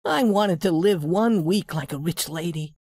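A woman voicing a young working woman who poses as a rich lady in a storybook reading, speaking softly and politely. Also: fairly low pitch, measured pace, husky, no echo, studio quality. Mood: candid. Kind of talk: storybook reading for English learners.

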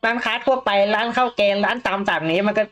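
A woman's voice: mid-range voice, fast talker, fairly bright tone. Musing woman talk show co-host. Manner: musing, thinks aloud with frequent hesitations. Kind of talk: casual panel discussion.

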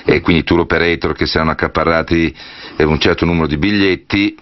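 Deep-voiced male radio host. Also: steady tone, fast talker. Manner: long, winding questions with many asides. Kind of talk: radio interview. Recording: dull lo-fi radio broadcast.

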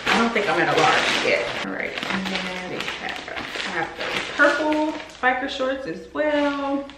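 A woman's voice: a little high, fairly even intonation, a little slow. A young woman in casual, chatty talk, showing a clothing haul to her viewers and calling them y'all. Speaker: vlogger. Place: room in a house under renovation. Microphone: camera on a desk in front of her. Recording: roomy echo with clear background noise.

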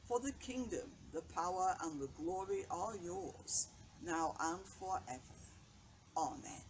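Older woman vicar reading slowly. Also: on the low side. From England. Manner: slow, measured reading from notes. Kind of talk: daily reflection and prayers. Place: outdoors by a brick wall on a bench. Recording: noisy outdoor recording.

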